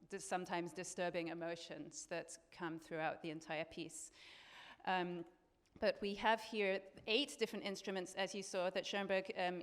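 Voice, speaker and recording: A woman conductor giving a pre-concert lecture in a hesitant way, often pausing and restarting. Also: medium pitch, smooth, long reverb tail. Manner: hesitant, many fillers and restarts.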